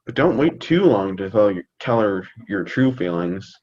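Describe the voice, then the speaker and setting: A man's voice: lowish voice, animated, moderate pace, darkish tone, dull audio. A man playing a fond, hesitant dad in a scripted stage comedy, fumbling for his words. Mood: gentle, sincere. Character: fond, hesitant, slightly awkward suburban dad. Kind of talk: scripted youth theater comedy acting.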